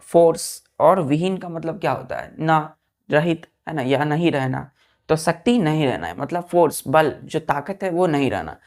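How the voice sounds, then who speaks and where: A woman's voice: sits low, lively intonation, normal speed, a little mellow. A woman with an Indian accent teaching a vocabulary lesson, spelling words letter by letter, repeating them and asking the students check questions. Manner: addresses students as children, asks check questions.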